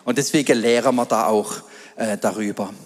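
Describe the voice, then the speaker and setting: A middle-aged man preaching a sermon, telling stories and calling the congregation "dear ones" in a lively way. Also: lowish voice, brisk. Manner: lively storytelling with quoted asides, addresses congregation as "ihr Lieben". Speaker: pastor. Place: church hall before a congregation. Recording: long hall reverb.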